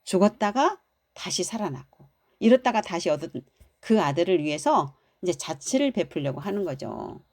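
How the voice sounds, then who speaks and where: A woman pastor preaching a sermon, her voice rising and falling widely. She talks to the congregation with animated emphasis and briefly acts out the lines she quotes. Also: on the low side, normal speed.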